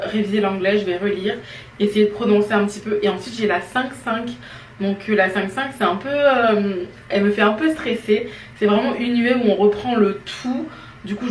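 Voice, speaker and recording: A woman's voice: medium pitch, roomy sound, slight background noise. Chatty young Frenchwoman vlogging at home. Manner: chatty, rambling with many fillers. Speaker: student vlogger. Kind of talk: casual vlog chat. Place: home, indoors.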